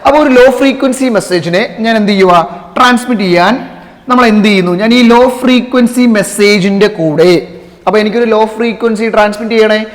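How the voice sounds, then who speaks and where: A man's voice: sits high, brisk. A man teaching physics to students, asking questions and answering them himself, checking again and again that they understood and calling them children. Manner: addresses listeners affectionately as children. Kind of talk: classroom-style lecture to students. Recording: long reverberant room echo.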